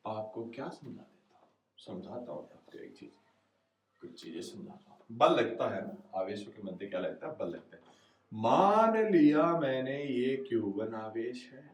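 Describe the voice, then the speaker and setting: A man's voice: mid-range voice, recorded from a distance. A male physics teacher gives a classroom lecture with a Hindi accent. He keeps asking questions and answering them himself. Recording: roomy echo, voice away from the mic.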